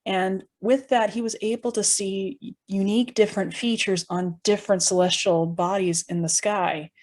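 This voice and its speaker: A woman's voice: medium pitch, fairly even intonation, normal speed, a little mellow. A woman presenting an educational tour in a conversational, explanatory way, with informal asides and rhetorical questions.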